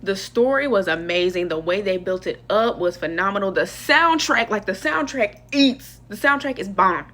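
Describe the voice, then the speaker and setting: A young woman giving a casual, slangy movie review in a chatty, expressive way. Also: normal speed, hardly any pauses. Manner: chatty, expressive, slangy, lively pitch swings.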